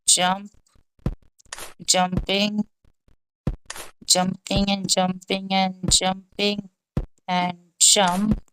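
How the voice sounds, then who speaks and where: Slow, muttering young woman gamer. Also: mid-range voice, flat delivery, noisy background. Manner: thinks aloud, muttering and exasperated. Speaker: gaming channel host. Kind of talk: casual gameplay commentary.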